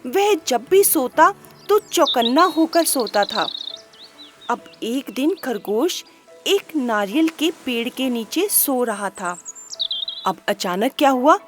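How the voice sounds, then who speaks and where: A woman narrates a children's moral tale in a high, light voice. She takes her time and poses little questions to her listeners. Soft music runs faintly beneath her. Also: sing-song. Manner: unhurried, asks listeners rhetorical questions. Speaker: storyteller.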